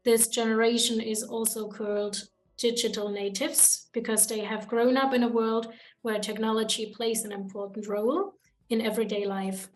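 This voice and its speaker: A young woman from Germany hosting a student podcast, reading prepared points in a measured way. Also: a little high, level tone, faint music behind, rough recording. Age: young adult. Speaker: podcast host. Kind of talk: student podcast, read from notes.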